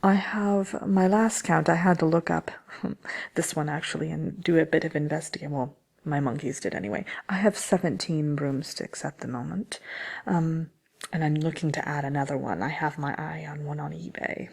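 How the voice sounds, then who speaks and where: A wicked witch, played by a woman, murmurs through a soft ASMR fairy-tale chat show. Her voice is very low, breathy and husky, with a gravelly creak that often sinks toward a whisper. She is smug, envious and slyly haughty, lingering over hesitant pauses. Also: full character voice. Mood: smug, chatty. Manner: sly, haughty, hesitant with many drawn-out pauses. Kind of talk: ASMR roleplay, soft-spoken chatty answers to listener questions.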